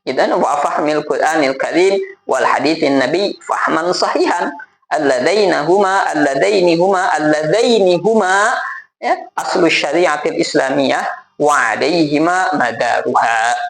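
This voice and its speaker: Gravelly-voiced man teaching, echoey room. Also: fairly high pitch, fairly bright tone. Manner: hesitant, many fillers and self-repeats; recites Arabic phrases slowly. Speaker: Islamic religious teacher. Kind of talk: casual spoken lecture.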